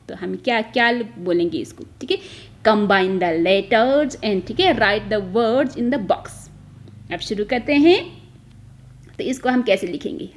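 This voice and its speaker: A woman teaching a school textbook lesson, explaining each term step by step and often checking in with the listener. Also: on the high side. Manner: explains step by step, repeats "ठीक है" often, mixes in English words.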